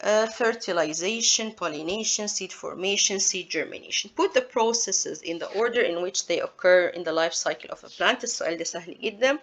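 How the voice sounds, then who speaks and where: A woman's voice: mid-range voice, fast talker, hardly any pauses. A woman teaching science, walking through exam answers step by step and asking her students rhetorical questions. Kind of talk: exam walkthrough lesson.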